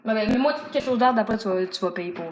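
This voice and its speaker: A woman's voice: mid-range voice, fast talker. A woman with a Québécois accent, bossing and teasing a friend through a filmed food challenge, swearing freely. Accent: Québécois French. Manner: bossy, teasing, swears a lot. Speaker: vlogger filming a food challenge. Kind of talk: rowdy casual banter. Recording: echoey room with loud noise.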